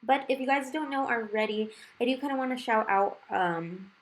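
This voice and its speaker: A woman's voice: a little high, normal speed. A woman with a lisp that slurs her s sounds, talking in a casual, rambling way as she narrates a nail tutorial. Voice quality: lisp with slushy s sounds from new dental work. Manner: chatty, rambling, informal. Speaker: nail art video creator. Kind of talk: casual chatty tutorial voice-over. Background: music.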